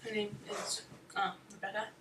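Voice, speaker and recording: A playful teenage girl trades quick teasing remarks with her friend. She sits back from the mic, so her highish voice comes through roomy, over a light hiss. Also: level tone, far from the mic. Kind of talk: casual chat. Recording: echoey, set back from the mic.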